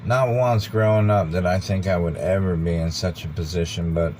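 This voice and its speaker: An American man giving an informal, rambling monologue, earnest and deliberate, repeating phrases for emphasis. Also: fairly even intonation, darkish tone, low-quality recording. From United States. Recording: background noise with vehicle rumble.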